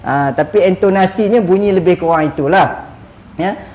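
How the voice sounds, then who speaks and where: A man's voice: high voice, moderate pace, a little mellow. A male religious teacher, giving a joking, story-filled evening lecture in a mosque. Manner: joking, storytelling, chanting the call to prayer. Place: mosque hall. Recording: echoey mosque hall.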